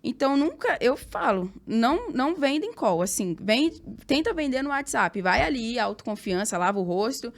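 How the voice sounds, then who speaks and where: A woman's voice: a little high, sing-song, normal speed, hardly any pauses. A woman with a Brazilian accent, a podcast guest giving direct, emphatic advice. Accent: Brazilian Portuguese. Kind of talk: casual podcast chat.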